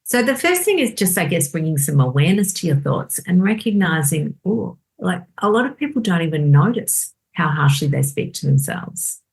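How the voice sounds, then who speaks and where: A woman, a doctor on a podcast, explaining in a lively chatty way and acting out inner voices. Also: on the low side, moderate pace, vocal fry, few pauses. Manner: animated, acts out inner voices. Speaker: doctor guest. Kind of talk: casual podcast conversation.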